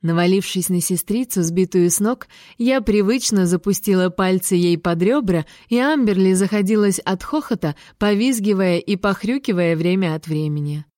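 Mellow-voiced woman reading an audiobook. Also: medium pitch, moderate pace, few pauses, no echo, clean studio sound. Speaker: audiobook narrator. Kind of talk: audiobook narration.

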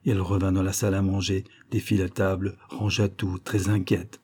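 A man reading a classic short story aloud as an audiobook narrator, in measured, expressive storytelling. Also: deep voice, slightly rough. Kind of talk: scripted narration.

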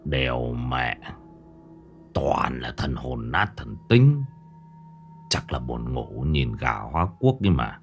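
A man's voice: extremely low pitch, big pitch swings, normal speed, pauses often, bright, forceful tone, faint music behind, voice pushed down, heavily acted. A man voicing a frightened middle-aged fisherman father who mutters and stammers in a told ghost story. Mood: grumbling.

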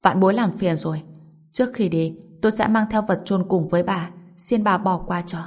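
A woman's voice: medium pitch, moderate pace, a little mellow, close to an everyday voice. A woman voicing a confident young male swordsman hero in an audiobook, matter-of-fact and assured. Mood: polite.

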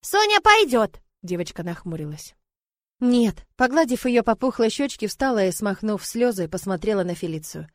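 A woman narrating a first-person novel in an emotional, measured way. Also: medium pitch, lively intonation, darkish tone, no room sound, clean studio sound. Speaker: audiobook narrator.

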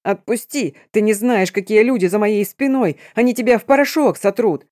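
A woman's voice: mid-range voice, lively intonation, moderate pace, dark tone, no room sound, clean studio sound, natural voice. A woman voicing a terrified, grovelling man who shrieks and pleads.

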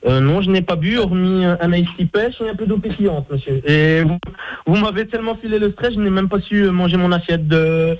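A man's voice: high-pitched, a little fast, no room sound. A man with a Belgian French accent on a phone call, polite and hesitant, with many fillers. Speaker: prank call victim, amateur rapper. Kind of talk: phone conversation. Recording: muffled phone line.

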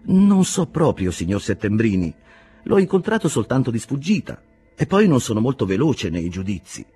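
A man's voice: mid-range voice, very animated, normal speed, dark tone, husky, faint music behind. A man voicing a mild, polite young engineer who speaks hesitantly. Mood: mild hesitance.

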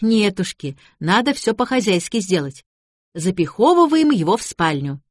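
A woman's voice: mid-range voice, sing-song, moderate pace, no room sound, studio quality, voice pushed up. A woman voicing a chatty, stubborn young woman who talks in folksy sayings and baby-talk words.

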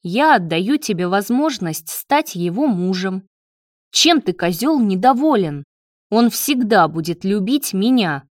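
A woman's voice: mid-range voice, lively intonation, measured pace, no echo, studio quality, lightly acted. A woman voicing a sneering, scheming young man. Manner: sneering, taunting.

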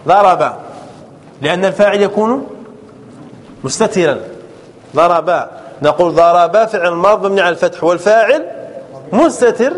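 A man teaching a grammar class, drilling verb forms slowly and checking often that students follow. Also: high-pitched, long reverb tail. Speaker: sheikh teaching Arabic grammar.

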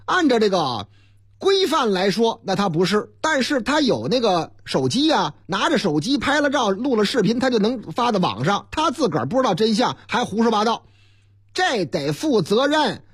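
Husky Beijing-accented radio news man, loose newspaper-review commentary, lively swinging pitch, joking asides. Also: normal speed, no room sound, clean studio sound. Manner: animated, joking asides and rhetorical questions.

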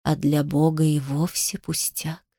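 Woman voicing a low hissing serpent goddess. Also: little pitch movement, dark tone, husky, no echo, clean studio sound, exaggerated voice. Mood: mocking. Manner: slow hissing menace, broken grammar.

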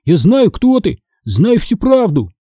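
Man voicing a frantic twelve-year-old boy, husky and raised. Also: high-pitched, sing-song, takes it slowly, no room sound, studio quality, pitched above the performer's own voice, full character voice. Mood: shaken. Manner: shouting, insistent.

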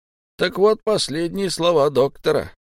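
A man voicing a sly, smooth-talking old pirate captain whose mock friendliness hides a threat, in an audiobook. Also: fairly high pitch, expressive, measured pace, no echo, studio quality, voice pushed up. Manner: mock-friendly, coaxing, menacing underneath.

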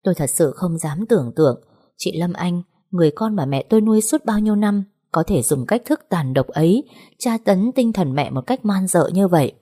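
A woman narrates a first-person audiobook story. Her voice is low and dark with a husky, breathy texture. She reads in a slow, mournful way. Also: lively intonation.

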